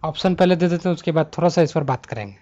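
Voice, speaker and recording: A man teaching a Hindi grammar exam-prep lesson, talking students through multiple-choice answers and slowing down to list letters one by one. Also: fairly high pitch, lively intonation, warm tone, highs cut off. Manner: slows to spell out letter lists one by one.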